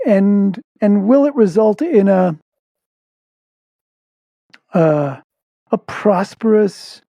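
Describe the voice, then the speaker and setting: A man hosting an interview, asking measured questions as he searches for words. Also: high voice, vocal fry, warm tone, dry recording. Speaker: podcast host, interviewer.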